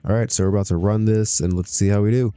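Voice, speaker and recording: A man's voice: fairly low pitch, fairly even intonation, fast, warm tone, clear, resonant tone, no echo, faint music behind. A man streaming a wrestling management game, chatting casually to himself, laughing often as he reacts to results. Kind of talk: casual gameplay commentary.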